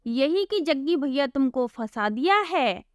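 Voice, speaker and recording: A simple, earnest young village laborer who speaks plainly and pleads when scared, as a woman voices him. The voice sits high and slow-paced, in a dry, close sound. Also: expressive, no echo.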